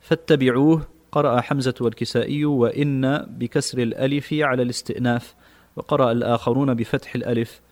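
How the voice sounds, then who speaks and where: A man reading classical religious texts aloud in a study session, with steady, measured recitation. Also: mid-range voice.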